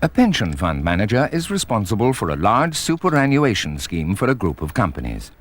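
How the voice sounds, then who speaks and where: A man reading scripted corporate documentary narration in a measured, formal way. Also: fairly low pitch, wildly swooping pitch. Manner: measured, formal presenter delivery. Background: music.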